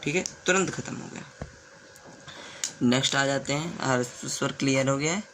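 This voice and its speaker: A man teaching the alphabet in a slow classroom way. He repeats sounds, asks the class questions and writes on a board as he goes. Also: mid-range voice, a bit bright, a little hiss or hum. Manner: stops to write on a board while talking. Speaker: Hindi teacher.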